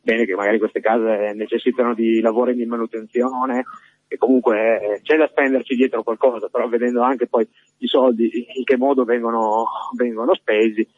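Husky man reporting over the phone. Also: mid-range voice, little pitch movement, normal speed, a little mellow, no room sound. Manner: hesitant, earnest, many fillers. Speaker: field reporter calling in live. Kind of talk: live news report by phone. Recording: dull lo-fi phone line.

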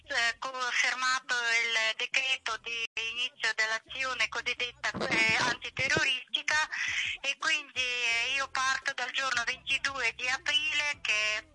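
A woman's voice: a little high, bright, forceful tone, rough recording. Woman correspondent over a speakerphone line. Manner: halting, many filler pauses. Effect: heard over a phone on speakerphone. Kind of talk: reading a news report.

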